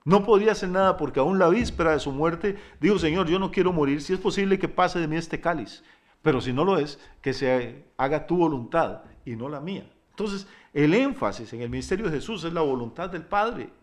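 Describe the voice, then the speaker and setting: A middle-aged man preaching a sermon as pastor, emphatic, moving between loud declarations and quiet asides, stacking up lists of words. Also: on the high side, lively intonation, a little fast. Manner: repeats words, piles up lists.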